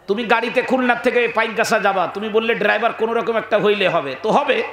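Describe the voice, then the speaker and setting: A man's voice: high-pitched, fast, reverberant. A man, preaching a sermon in a folksy way, telling stories with acted dialogue and asking the crowd questions. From Bangladesh. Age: 40s.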